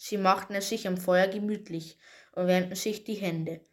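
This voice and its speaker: A woman reading a fairy tale aloud in a plain, steady way, with occasional small slips. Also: mid-range voice, normal speed. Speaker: storyteller.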